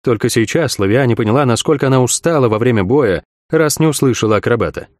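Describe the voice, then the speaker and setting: A man narrating a fantasy audiobook in an expressive storytelling manner. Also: medium pitch, quick pace, no room sound, clean studio sound.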